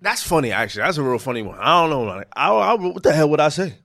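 A man's voice: a little high, very animated, fast talker, gravelly, a bit bright, dry recording, studio quality. A man in his twenties in a laid-back, slangy casual chat, full of fillers. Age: 20s.

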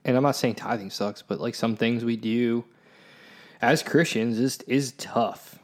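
A man's voice: mid-range voice, measured pace. Regular guy co-host, easygoing, plainspoken, casual bible chat. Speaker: podcast co-host.

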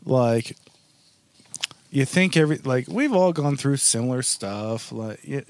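A man's voice: mid-range voice, expressive, measured pace, a little mellow. Man chatting casually in bro-like style. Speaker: podcast co-host. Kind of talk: casual podcast chat.

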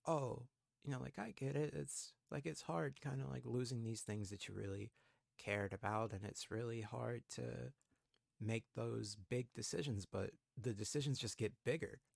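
A man in his twenties speaks at a normal speed in a medium-pitched voice with vocal fry and fairly even intonation. He's co-hosting a podcast, reflecting thoughtfully but casually and dropping frequent fillers. The sound is dry and clean, studio grade.

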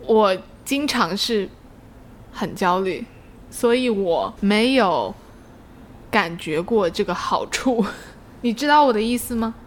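A woman's voice: mid-range voice, lively intonation, takes it slowly, long pauses, a little hiss or hum. A woman hosting a casual conversational discussion, asking questions and dropping English words into her Mandarin.

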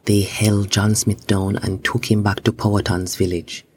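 A man narrating a children's story in a slow, even storybook reading. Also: on the low side, slight background noise.

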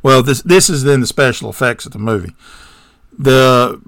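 Southern podcast co-host, a rambling storyteller with a gravelly edge, recorded dry. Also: male voice, medium pitch, normal speed, a bit bright, no echo. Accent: Southern American. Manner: rambling storyteller with digressions and sarcastic asides. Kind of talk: casual chat, retelling a movie plot.

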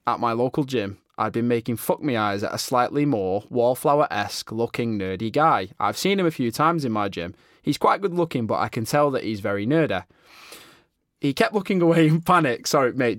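A man's voice: medium pitch, expressive, brisk, dry recording, studio quality. A man, co-hosting a casual podcast, blunt and full of swearing. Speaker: podcast co-host.

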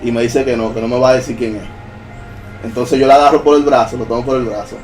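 A man in casual chat telling a paranormal experience in lively storytelling. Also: mid-range voice, fast. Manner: animated, acts out his own dialogue. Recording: distant mic with faint music.

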